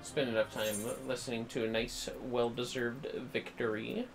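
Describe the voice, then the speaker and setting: The audio is poor on this home gaming stream, where a man talks at a normal pace in a level, mid-range voice over soft music. He mutters to himself between playful remarks aimed at his chat.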